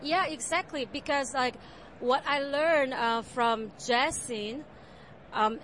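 Woman, Korean accent, jazz pianist, soft-spoken, lots of fillers, high pitch. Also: slow, slight background noise. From South Korea. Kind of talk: interview at a jazz fair.

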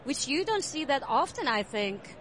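A woman musician with a Korean accent, answering interview questions about her music, soft-spoken with many fillers. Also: high-pitched, very animated, moderate pace. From South Korea. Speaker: jazz pianist and composer. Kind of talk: interview at a jazz fair.

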